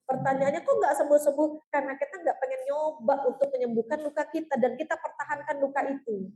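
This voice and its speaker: A woman's voice: sits high, steady tone, fast talker, warm tone. A woman religious teacher giving a heartfelt talk to an audience of women, telling personal stories and often addressing her listeners directly. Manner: storytelling, keeps addressing listeners as "Bu"; earnest, heartfelt. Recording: echoey hall.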